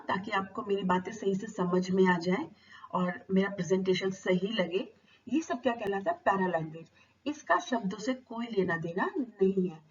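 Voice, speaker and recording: A woman teacher giving a lecture, asking herself questions and answering them. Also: mid-range voice. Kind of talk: explanatory lecture. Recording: dull, slightly distant recording with faint noise.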